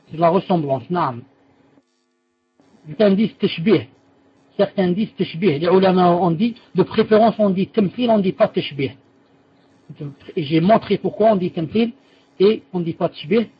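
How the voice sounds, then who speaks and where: A man's voice: high-pitched, husky, highs cut off. A man teaching a religious lesson and answering students' questions, patiently repeating key terms and correcting himself as he explains.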